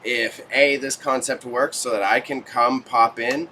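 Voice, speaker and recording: Unhurried and fairly even in intonation, a mid-range male voice comes from a Canadian livestream host out of Toronto, over a noisy background. In a small warehouse stacked with goods, he chats casually with viewers, full of slang and jokes.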